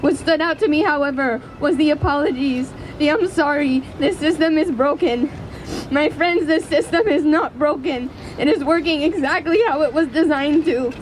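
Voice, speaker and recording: A woman giving a prepared speech as an activist at a rally, speaking in an earnest, impassioned, deliberate way. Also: high-pitched, rough recording. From Canada. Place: outdoors in a city square. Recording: outdoor public square with city traffic noise.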